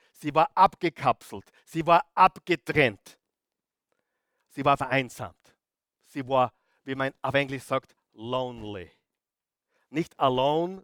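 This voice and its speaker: A man's voice: on the high side, slow, a bit bright, dry recording, clean studio sound. A middle-aged man preaching a sermon, stressing and repeating key words and firing questions at the audience.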